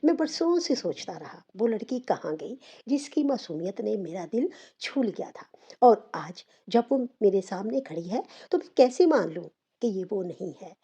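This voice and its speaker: A woman's voice: mid-range voice, very animated, normal speed, warm tone, breathy edge. A woman voicing an insistent young man. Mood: pressing. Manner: insistent, pressing.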